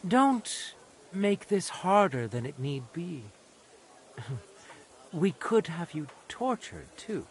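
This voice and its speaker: A man's voice: sits high, sing-song, slow pace, pauses often, slight background noise, exaggerated voice. An actor playing a stern, scornful nobleman who presides over a trial in a video game dialogue. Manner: commanding, scornful. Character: stern haughty nobleman judging a camp murder.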